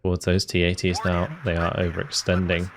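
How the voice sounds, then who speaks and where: A man's voice: sits low, completely flat delivery, a little fast, a crowd in the background. A man giving casual commentary on a strategy war game, thinking aloud through his tactical decisions. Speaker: gaming video host.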